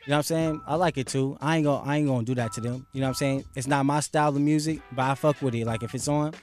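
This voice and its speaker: A young man talks about his music in a relaxed, slangy way, leaning on fillers. His pitch sits at a middling level for a man. Faint music plays behind him. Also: very fast. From Los Angeles, US. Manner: laid-back, heavy fillers, slangy. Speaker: rapper guest. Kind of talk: casual interview chat.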